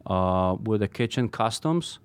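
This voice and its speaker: Halting Polish-accented man, low voice. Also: animated, clear, resonant tone, no echo. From Poland. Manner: hesitant, halting, many ums. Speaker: knife maker guest. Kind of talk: studio interview.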